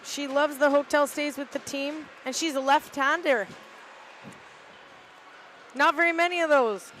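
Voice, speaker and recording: A middle-aged woman giving casual, halting live play-by-play commentary from an arena balcony, with lots of "uh" fillers. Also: high voice, a bit bright, a little hiss or hum, low-quality recording. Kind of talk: live amateur sports commentary. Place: arena balcony above the rink.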